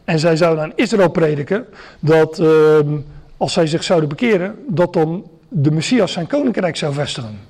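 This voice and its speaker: High-voiced man giving a hesitant sermon. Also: normal speed, gravelly, a little mellow. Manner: explanatory, many hesitations and restarts. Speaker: preacher.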